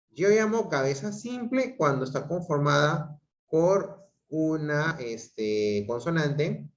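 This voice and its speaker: Slow-talking man teaching over a video call. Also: fairly high pitch. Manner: slow, repeats himself, checks with "¿ok?". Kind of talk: online grammar class. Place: home room on a video call. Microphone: computer mic on a video call. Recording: roomy, dull lo-fi video call audio.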